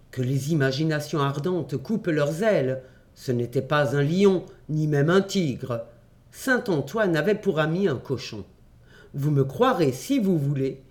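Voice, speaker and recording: A man reading a classic adventure novel aloud, in measured, expressive storytelling. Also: fairly high pitch. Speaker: audiobook reader.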